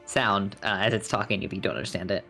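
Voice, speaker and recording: A man's voice: lowish voice, fast, creaky, sharp tone, soft background music. A man acting as game master, casually narrating a tabletop role-playing game.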